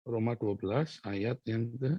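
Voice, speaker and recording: Man, pastor, morning devotional sermon, colloquial, loud bursts and quiet asides, raspy, dry close sound. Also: mid-range voice, a little slow, no room sound, muffled recording.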